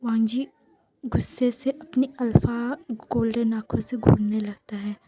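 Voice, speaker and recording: A young woman narrating a fan-fiction story in a soft, half-whispered voice. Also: fairly high pitch, flat delivery, unhurried, husky.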